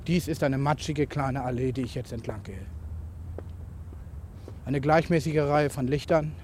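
On a noisy home tape recording, a writer muses aloud in an improvised, introspective monologue made of fragmented observations. He talks unhurriedly in a medium-pitched, slightly mellow voice.

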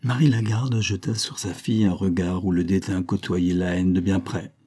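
Male audiobook narrator, dark and husky, measured novel reading. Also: deep voice, fairly even intonation. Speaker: audiobook reader.

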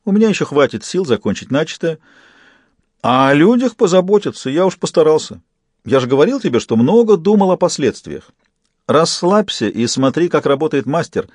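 A man's voice: a little high, big pitch swings, a little fast, a little mellow, no echo, studio quality, voice pushed up. A man doing a smug, purring jester. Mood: calm confident. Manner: purring, falsely mournful, overacted. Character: sly mocking male jester program, theatrical.

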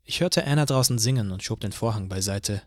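A man reading an audiobook in the first person, in a calm, measured way. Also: lowish voice, no echo, clean studio sound. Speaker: audiobook narrator. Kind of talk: scripted audiobook narration.

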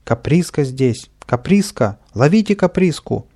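A man's voice: mid-range voice, very animated, moderate pace, creaky, warm tone, slightly rough, exaggerated voice. A man voicing a stern adult police sergeant in a children's storybook, firm and commanding.

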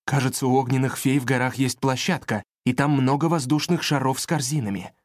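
A woman's voice: a bass voice, a little fast, no echo, clean studio sound, voice pushed down. A woman reading a storybook aloud and voicing a carefree young male wind fairy in an easygoing way.

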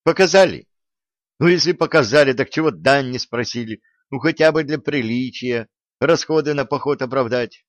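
A man's voice: medium pitch, animated, moderate pace, no room sound, close to an everyday voice. A man doing a skeptical pressing wanderer. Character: puzzled, skeptical young male wanderer, quick-witted. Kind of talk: audiobook character reading.

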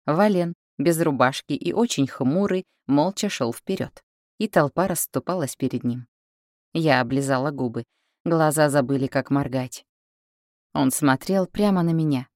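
A woman narrating a novel in the first person in a steady, even storytelling way. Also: sits low, normal speed, dry recording, studio quality. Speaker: audiobook narrator.

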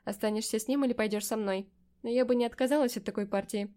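A woman's voice: fairly high pitch, steady tone, quick pace, dark tone, close to an everyday voice. A woman reading an audiobook and voicing a sly, playful, powerful witch who talks in a coaxing, teasing way. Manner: coaxing and teasing, mock-surprised.

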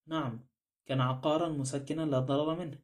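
A man's voice: fairly high pitch, steady tone, brisk, close to an everyday voice. A man voicing a touchy, cold male doctor in an audiobook drama, answering curtly and defensively. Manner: curt, cold.

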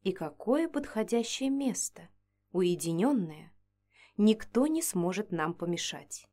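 A woman's voice: medium pitch, very animated, a little slow, mellow. A woman reading a first-person fantasy story aloud in a playful, ironic manner. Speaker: audiobook narrator.

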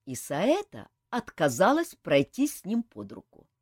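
A woman's voice: mid-range voice, huge pitch swings, unhurried, creaky, a little mellow, husky, dry recording, clean studio sound, pitched above the performer's own voice, heavily acted. A woman reading an audiobook, voicing a grumbling male commander who defends himself.

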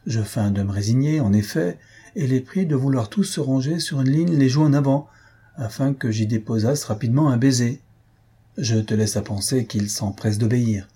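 A man voicing Minella, a bold and merry sixteen-year-old girl, in a lively storytelling manner with a very husky voice. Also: mid-range voice, moderate pace.

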